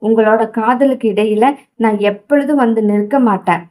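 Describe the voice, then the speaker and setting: A woman voicing a young wife who pleads tearfully and defiantly, in a raised, higher voice. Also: normal speed, dark tone, lightly acted. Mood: tearful pleading.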